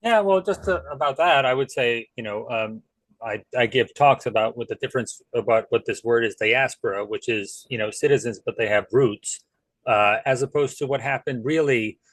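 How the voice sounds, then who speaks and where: Male panel guest, medium voice, dry close recording, measured and thoughtful delivery. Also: mid-range voice, a bit bright, no room sound, rough recording. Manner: thoughtful, many fillers. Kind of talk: casual panel discussion.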